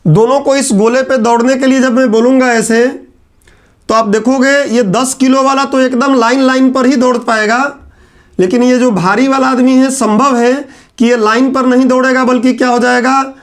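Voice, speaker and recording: A man with a strikingly high voice teaches a class at a whiteboard. He talks in a relaxed, chatty way and drops teasing asides to his students. He slows down to repeat the key terms. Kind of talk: classroom lecture.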